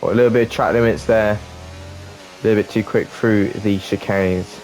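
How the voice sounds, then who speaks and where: A man's voice: on the low side, steady tone, moderate pace, darkish tone. A man commentating over his own racing gameplay, chatty and rambling with fillers. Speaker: gaming channel host.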